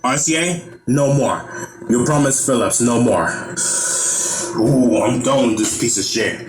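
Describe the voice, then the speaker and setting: A man's voice: mid-range voice, a little slow, lightly acted. A man voicing an enraged man who curses and throws someone out. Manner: cursing, blunt, threatening. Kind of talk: amateur online drama. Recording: echoey room recording.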